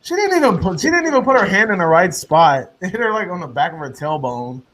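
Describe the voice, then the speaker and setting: A man with a high, lively voice cracks profane jokes as he watches a horror film with a friend. His pitch jumps around constantly. His commentary stays loose and casual. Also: quick pace. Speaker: movie reaction co-host. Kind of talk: casual reaction chat.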